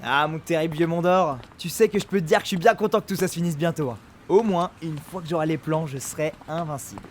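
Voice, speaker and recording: An actor playing an excitable, boastful villain boss in a comic audio drama, theatrical and swinging between chatty and gloating. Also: medium pitch, fast, slight background noise, close to an everyday voice. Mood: smug. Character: excitable, boastful cartoon villain boss, cruel yet petty.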